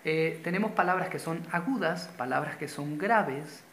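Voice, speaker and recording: A man's voice: on the high side, normal speed, fairly bright tone, slight background noise. A man from Venezuela, teaching a grammar lesson patiently, repeating key terms and pointing at a board. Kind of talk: classroom-style grammar lesson. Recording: roomy echo.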